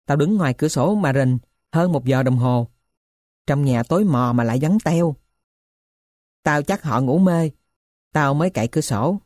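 Woman reading as a gruff poor male thief. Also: deep voice, animated, normal speed, pauses often, a little mellow, no room sound, clean studio sound. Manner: rough, blunt storytelling. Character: poor middle-aged male thief telling his tale.

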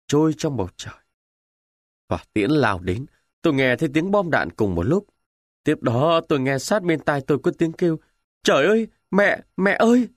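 A man's voice: medium pitch, dry recording, clean studio sound. A man reading a novel aloud in the first person with dramatic expression. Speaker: audiobook narrator.

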